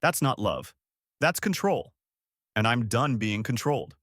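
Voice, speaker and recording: A man's voice: mid-range voice, sing-song, a little slow, fairly bright tone, dry recording, clean studio sound. A man playing a furious billionaire son. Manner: cold, commanding, angry. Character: wronged wealthy man, furious at his mother.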